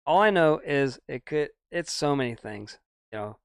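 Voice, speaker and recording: A man's voice: fairly high pitch, lively intonation, normal speed, creaky, clear, resonant tone, dry recording, studio quality. An older man co-hosting a casual couch chat, rambling and grumbling his opinions. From United States. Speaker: co-host.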